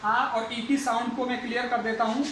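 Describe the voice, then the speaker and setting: A male English lecturer giving a phonetics lesson for exam students, who repeats each example word slowly several times. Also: extremely high pitch, little pitch movement, fairly bright tone. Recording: echoey room, faint background noise.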